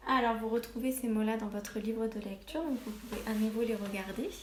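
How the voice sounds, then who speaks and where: A woman teaching a reading lesson and dictation to young children, articulating each word slowly and with stress. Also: a little high, roomy sound, slight background noise. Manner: slow, carefully articulated, stresses each syllable. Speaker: primary school teacher.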